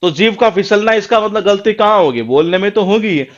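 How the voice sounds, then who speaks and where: Man, Rajasthani Hindi accent, coaching-class lecturer, repeats words and quizzes the class himself, slightly high voice, muffled lo-fi recording. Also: fairly quick. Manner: rhetorical questions, answers them himself. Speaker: English teacher for exam prep.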